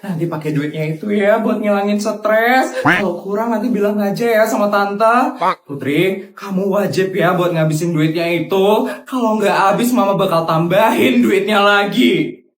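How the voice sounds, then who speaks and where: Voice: mid-range voice, moderate pace, reverberant, natural voice. A voice actor playing a doting, wealthy mother who sweetly spoils her daughter and her daughter's friends. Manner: sweet, indulgent, generous. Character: doting rich mother giving children money.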